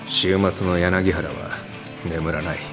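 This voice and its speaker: A man's voice: low voice, flat delivery, slow. An actor playing a grumpy young would-be hardboiled loner in a comedic audio drama, with a sarcastic straight-man manner. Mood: brooding, hardboiled. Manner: sarcastic, exasperated straight-man retorts, mock-noir monologue. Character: grumpy young part-timer posing as hardboiled loner hero. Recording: music bed behind the voice.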